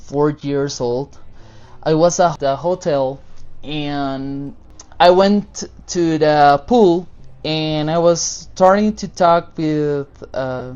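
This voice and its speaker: Speaking a little high with a darkish, clear and resonant tone, a young Costa Rican man in his 20s answers casual interview questions as a podcast guest. He's a dentist talking about his work in a friendly, informal manner with loose non-native phrasing, and the recording is muffled.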